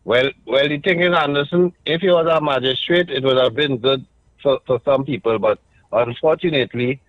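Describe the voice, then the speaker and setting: Calling a radio talk show, a Trinidadian-accented man lays out his case step by step, calm and measured, frequently checking in with "right?". His pitch is medium, and the call-in line sounds muffled and dry, without room sound.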